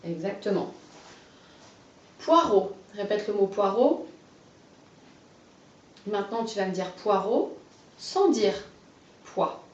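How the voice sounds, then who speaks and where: A woman guiding a child through a phonology lesson, giving clearly pronounced words one at a time and encouraging replies. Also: medium pitch, lively intonation, distant mic. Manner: slow, carefully articulated, encouraging. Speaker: teacher of a phonology exercise. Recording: dull, roomy, off-mic sound.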